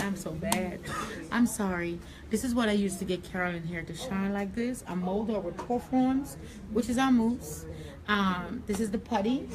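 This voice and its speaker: In a hair salon, a stylist and educator with a Jamaican accent talks directly and bluntly while cutting hair for a live tutorial. Her voice is medium-pitched, and the recording is rough.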